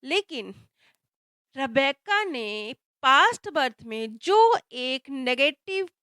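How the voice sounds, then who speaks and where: A woman narrating a past-life story in a calm, explanatory way, with slow, reflective pauses. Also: high-pitched, no room sound, clean studio sound. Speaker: spiritual storyteller.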